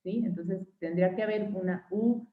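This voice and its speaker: A woman's voice: mid-range voice, moderate pace. A young Mexican woman teaching an online phonetics class, patiently spelling out examples and checking in with her students every few sentences. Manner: checks in with frequent "¿sí?" and "¿va?". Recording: tinny phone-like line.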